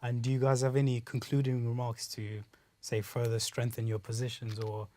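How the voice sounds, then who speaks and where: A man moderating a radio debate, asking measured, structured questions. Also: mid-range voice, level tone, dark tone.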